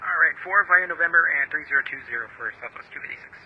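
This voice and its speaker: A man speaking as a pilot over a radio link, giving brisk, matter-of-fact readbacks in clipped radio phraseology. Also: a little high. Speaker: pilot on air traffic radio. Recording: muffled radio transmission with faint hiss.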